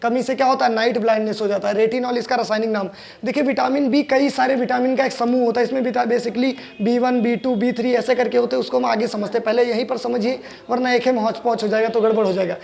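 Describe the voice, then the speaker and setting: Male science tutor, very high, gravelly voice; quizzes his students and answers himself. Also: steady tone, quick pace, a little mellow. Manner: asks the class questions and answers them himself; explains step by step, repeating key terms. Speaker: teacher. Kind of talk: exam-prep science lesson.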